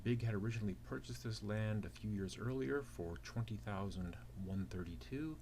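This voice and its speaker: Clear background noise and keyboard typing accompany a man whose fairly low, slightly mellow voice moves at a moderate pace. He is a teaching assistant explaining a worked problem step by step through rhetorical questions.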